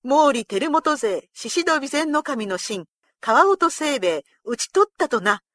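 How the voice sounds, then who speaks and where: A proud older feudal lord barking orders and praising his men, voiced by a woman reading a storybook. The voice stays dry and close, with lively swings as he commands. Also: medium pitch, normal speed, dry recording. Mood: commanding. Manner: commanding, gruff and pleased.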